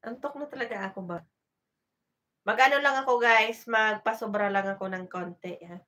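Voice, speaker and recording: A chatty Bicolano woman on a late-night phone livestream, mumbling to herself between bursts of laughter. Her voice is high and sharply bright. She sits a little back from the phone's mic. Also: far from the mic. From Bicol region, Philippines. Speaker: livestream vlogger.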